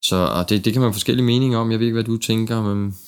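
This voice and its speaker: Deep, gravelly man talking football. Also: steady tone. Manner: hesitant, repeats words as he thinks aloud. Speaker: football podcast panelist. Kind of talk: casual football discussion.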